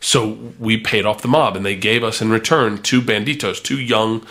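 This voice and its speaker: A man telling a long story in a casual chat, animated and acting out the people in it. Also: on the low side, moderate pace. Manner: animated, does voices of people in his story.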